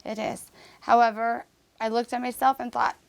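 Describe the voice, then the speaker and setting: A woman guest in a podcast interview telling a personal story in an earnest, measured way, with fillers and many restarts. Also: on the high side, flat delivery, creaky.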